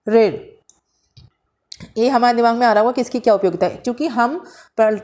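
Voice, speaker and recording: A woman lecturing on grammar in a somewhat high voice. She talks her students through her notes step by step, posing a question and then answering it. When she demonstrates sounds, she draws out the vowels clearly. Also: darkish tone. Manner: explains slowly, often asks and answers her own questions; mixes Hindi with English terms. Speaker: Sanskrit teacher. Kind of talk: lecture explaining handwritten notes.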